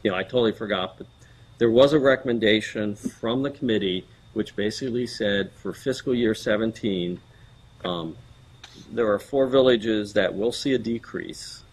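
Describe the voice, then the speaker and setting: A man chairs a board meeting, calling motions and moving through the agenda. His voice sits fairly low with a husky edge. He talks in a procedural way, filling pauses with ums. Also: rough recording.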